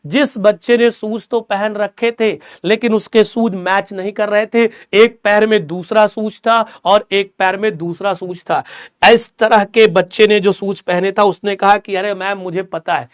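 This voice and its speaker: A young man teaching an English chapter to students, reading lines slowly and explaining them, repeating key words as drills. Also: sits high, clean tone. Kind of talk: explaining a textbook chapter in class.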